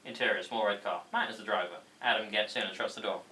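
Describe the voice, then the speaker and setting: A man with a lowish voice talks fast, sounding pushed and bright, as he reads stage directions during a table read. His reading is casual, with a few stumbles over the text. The recording comes from an indoor room with echo and slight noise.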